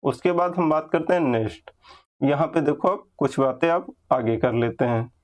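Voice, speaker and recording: Man teaching grammar, slightly high voice. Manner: explains patiently, repeats points, slows down to spell out example words. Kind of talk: exam-prep grammar lesson.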